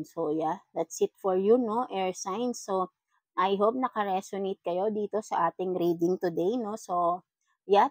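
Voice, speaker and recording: A woman's voice: medium pitch, warm tone, no echo, rough recording. A woman with a Filipino accent giving a casual spiritual reading, chatty, with frequent tag questions. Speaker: tarot reader.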